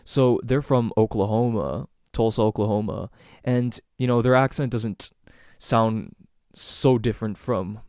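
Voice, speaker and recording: A podcast host from Southern Ontario, with a Greater Toronto Area Canadian accent, rambles through a casual solo monologue full of ums and restarts. His voice is lowish, unhurried and a little mellow, captured in a dry, close recording.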